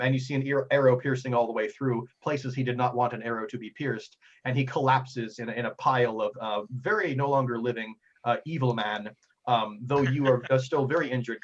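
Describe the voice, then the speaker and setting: A man acting as game master narrates a tabletop role-playing game, animated and excitable with frequent ums and uhs. His voice is medium-pitched and the recording sounds muffled.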